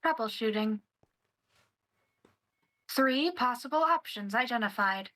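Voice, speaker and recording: Woman doing a glitching computer voice, robotic repeated errors, high, bright, fan roleplay. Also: animated, unhurried, a little hiss or hum, rough recording. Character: glitching computer system, monotone and error-prone.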